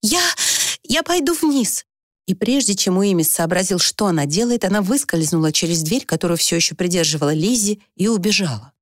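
A woman narrating an audiobook in an expressive reading style, lifting her voice in the tense moments. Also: fast talker, few pauses, dry recording, clean studio sound. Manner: expressive reading, rising pitch for the anxious heroine. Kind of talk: scripted narration.

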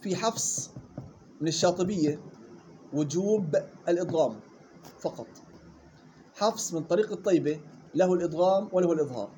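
A man teaching Quran recitation rules. He models the words slowly and quizzes his students. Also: high-pitched, dark tone, a little hiss or hum. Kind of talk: tajweed lesson.

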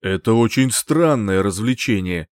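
A man's voice: lowish voice, animated, a little slow, a little mellow, no echo. A man voicing a lazy, teasing young prince in an audiobook, drawling and smirking. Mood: smug.

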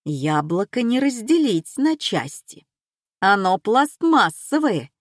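A woman voicing a touchy, pedantic male expert who lectures in a precise, measured way, read slowly in a dry room. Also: medium pitch, sing-song, no room sound. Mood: quiet, matter-of-fact.

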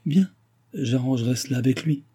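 A man's voice: mid-range voice, moderate pace, mellow, husky, voice pushed up, lightly acted. A man voicing a young royal princess who speaks graciously and with easy command.

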